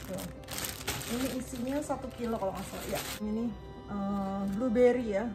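Chatty woman unpacking groceries over loud music. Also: a little high, moderate pace. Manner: chatty, searching for words, mixing in English terms. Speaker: vlogger. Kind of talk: casual grocery unboxing vlog. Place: home kitchen, indoors. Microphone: phone camera at arm's length. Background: loud background music and crinkling bags.

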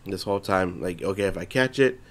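Speaking fairly quickly in a low-pitched voice, a congested young man co-hosts a podcast. He rambles casually, swearing often and restarting his sentences.

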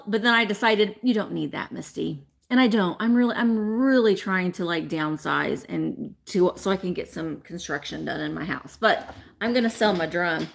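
A woman, chatting bubbly and fast to live viewers from a small room at home. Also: a little high, vocal fry, sharp tone. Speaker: vintage reseller host. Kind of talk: casual live-stream chat.

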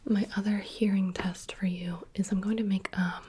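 A woman whispering softly and patiently as an examiner in an ASMR roleplay, close to the microphone. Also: mid-range voice, level tone, moderate pace, slight background noise. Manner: soft unvoiced whispering, patient and coaxing. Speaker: roleplay examiner giving eye and hearing tests. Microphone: close mic, leaning near the ear.

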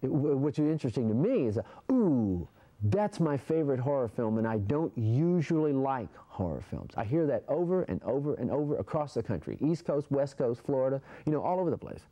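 A man's voice: mid-range voice, dark tone. A young man in a casual interview indoors, talking animatedly and rambling with many fillers. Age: young adult. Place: indoor room.

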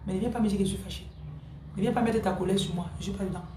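A woman spiritual coach with a medium-pitched, fairly even voice speaks at a racing pace in a live-streamed teaching. She's emphatic, repeats her key phrases, and answers viewers' comments by name, with roomy sound and background noise.

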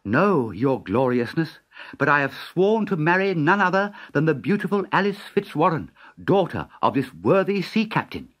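A man's voice: a little high, very animated, moderate pace, voice pushed up. A man voicing an earnest young cabin boy who speaks eagerly and politely, in a storybook reading.

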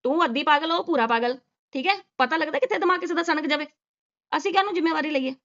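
A woman's voice: high-pitched, fast talker, fairly bright tone, highs cut off. A woman doing sarcastic reaction commentary, scolding and mocking with rhetorical questions. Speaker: reaction vlogger.

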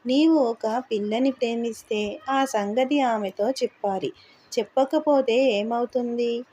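A woman reading the lines of a gentle young worker, speaking quietly and softly. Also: on the high side, a little slow, slight background noise, close to an everyday voice. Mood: wistful. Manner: quiet and soft. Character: gentle, soft-spoken young man, a worker in love.

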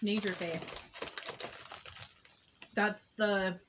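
A woman's voice: mid-range voice, steady tone, very slow, noisy background. A woman on a living room couch, trying snacks from a box and giving blunt, joking verdicts. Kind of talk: casual taste-test chat.

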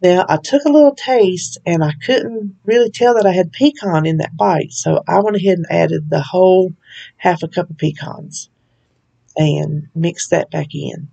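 A woman's voice: on the low side, measured pace, vocal fry, mellow, slightly rough, lo-fi sound. A woman hosting a home cooking video, talking through a recipe in a chatty, folksy way with frequent laughs. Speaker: cooking channel host. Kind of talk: casual recipe walkthrough.

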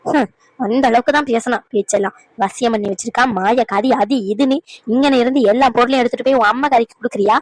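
A woman voicing a sharp-tongued, bitter old grandmother in a cartoon drama, sneering at her daughter-in-law's family. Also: a little high, fast talker, dry recording, natural voice, rough recording. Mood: scornful. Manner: scornful, sneering. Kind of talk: cartoon dub acting.

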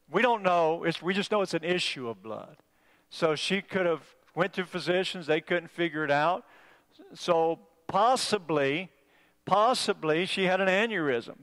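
A male pastor preaching a sermon, halting with many fillers and restarts, calling on members of the congregation by name and swinging between loud urging and low hushed passages.

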